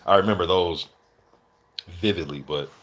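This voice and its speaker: A man's voice: deep voice, normal speed, a bit bright, slight background noise. A man hosting a live boxing commentary stream, chatting casually with viewers in slangy, informal talk with some swearing. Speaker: livestream host and boxing commentator.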